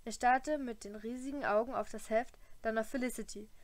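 A woman reading a first-person audiobook, with an expressive, dryly humorous storytelling manner. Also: on the high side, a little fast, dry recording. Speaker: audiobook reader.

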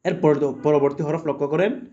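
A man teaching Quran recitation, slowly and deliberately drawing out each letter sound for his students to repeat. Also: a little high, steady tone, dark tone, highs cut off. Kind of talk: slow instructional lesson.

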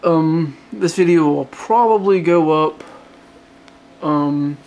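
Speaking slowly in a high, slightly mellow voice, a Georgia man with a faint Southern accent rambles through a late-night vlog update. He's a hobbyist phone modder, and his talk is casual, with many restarts and fillers.

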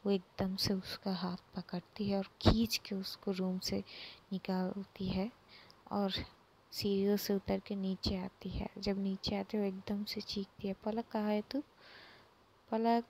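A woman's voice: monotone, unhurried, darkish tone, slightly rough. A woman casually retelling a romance episode by episode, acting out the characters' quoted lines. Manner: retells a love story, acting out quoted lines with rising pitch. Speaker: storyteller. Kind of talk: casual storytelling narration with quoted dialogue.

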